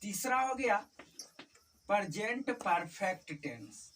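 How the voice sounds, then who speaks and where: A woman's voice: medium pitch, very animated, slow, fairly bright tone. Woman tutor, distant with faint noise. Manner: repeats terms and often checks with "right?". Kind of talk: classroom teaching. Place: tuition classroom.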